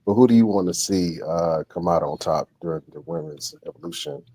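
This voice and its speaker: Male host, late 30s, very deep voice; relaxed, halting delivery, many fillers. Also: creaky, slight background noise. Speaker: podcast host. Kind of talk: casual interview chat.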